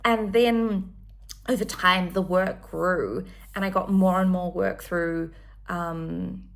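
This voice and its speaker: A woman in her thirties, from New Zealand, chatting enthusiastically in a casual one-take vlog with frequent ums. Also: on the low side. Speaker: vlogger.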